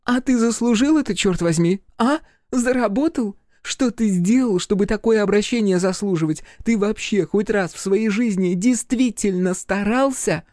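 A man voicing a fierce, scornful young girl in an audiobook, mocking and shouting at a boy. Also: sits high, moderate pace, dry recording, studio quality, pitched above the performer's own voice, lightly acted. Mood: angry. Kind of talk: audiobook character voice.

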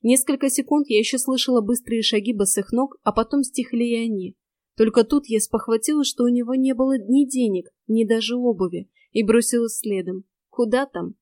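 A woman's voice: fairly high pitch, brisk, darkish tone, no room sound, studio quality. Woman reading a first-person audiobook. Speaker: audiobook narrator.

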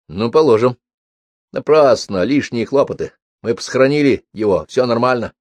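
A man's voice: mid-range voice, lively intonation, normal speed, a little mellow, dry recording, pitched above the performer's own voice, lightly acted. A male audiobook reader voicing a coarse, sniffling middle-aged gang boss who grumbles down the phone. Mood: gruff.

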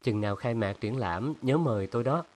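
A man voicing a lively, teasing young woman who scolds playfully in a storybook reading. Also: medium pitch, a little fast, slight background noise, lightly acted.

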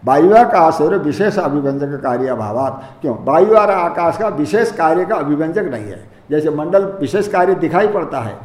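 A man's voice: on the high side, expressive, moderate pace, hardly any pauses, a little mellow, reverberant. A man teaching a scriptural commentary, explaining Sanskrit terms word by word in Hindi and rephrasing each point patiently. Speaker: Vedanta teacher.

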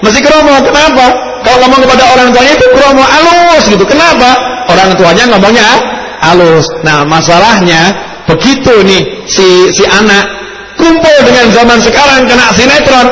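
Javanese man preaching, animated and quizzing the crowd, echoey hall with faint noise. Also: very high voice. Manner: lively, questions the audience, acts out little dialogues. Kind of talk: sermon.

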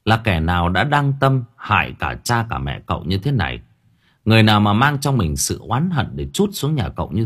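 A man narrating a serialized novel for an audiobook in an expressive storytelling manner. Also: on the low side, breathy edge.

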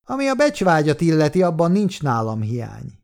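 A man reading the part of a sly male shop owner, secretly a police detective, with a calm, mocking self-assurance. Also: a little high, vocal fry, voice pushed up, full character voice. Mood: sly, cool.

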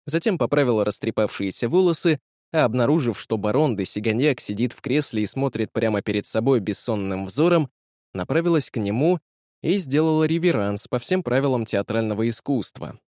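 Мужчина-чтец, сухой студийный звук. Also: male voice, mid-range voice, no room sound, studio quality. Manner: measured, expressive. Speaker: audiobook narrator. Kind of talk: literary audiobook reading.

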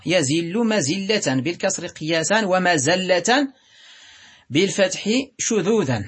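Husky high-voiced man teaching Arabic grammar. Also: fairly bright tone. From Morocco. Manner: slow and deliberate, drawing out words, with pauses and hesitations. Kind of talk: reading and explaining a grammar text.

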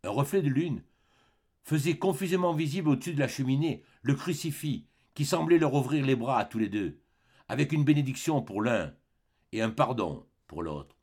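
A man narrates a classic novel as an audiobook, with measured, expressive storytelling. His voice is gravelly and a little husky, and his pitch moves widely from phrase to phrase. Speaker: audiobook reader.

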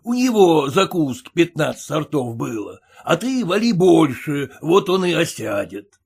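A boastful, domineering merchant from an old comic story, played by a man. He speaks deliberately and orders people about. The voice is slightly husky and lively in pitch. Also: heavily acted. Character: bossy boastful middle-aged male merchant.

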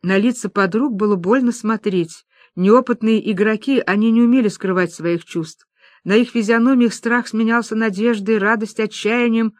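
A lively storyteller reading a novel aloud, slipping into each character's dialogue as it comes. The voice sits at an ordinary middle pitch and is recorded close and dry, with no room sound around it. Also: normal speed, no room sound. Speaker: audiobook narrator. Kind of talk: scripted narration.

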